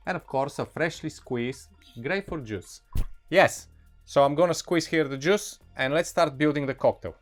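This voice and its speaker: Male cocktail instructor, accented non-native English, lighter pitch, upbeat and direct to viewer, faint music underneath. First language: not English. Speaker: bartender presenting cocktail recipes. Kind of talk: instructional cocktail tutorial, casual. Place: indoor bar set, behind counter.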